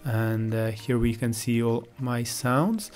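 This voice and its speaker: Man, English speaker, slow and halting, tutorial walkthrough, soft music behind. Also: medium pitch, fairly even intonation. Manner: hesitant, many fillers, searching for words. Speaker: software tutorial presenter. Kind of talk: screen-recorded coding walkthrough.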